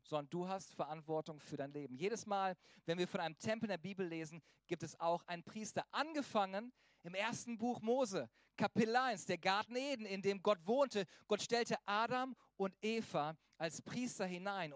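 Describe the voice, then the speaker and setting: A middle-aged male pastor delivers a sermon in a lively, animated way, slipping into voices for the people he quotes. His voice sits high for a man. The sound is close and dry, with no room around it. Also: normal speed, dry recording.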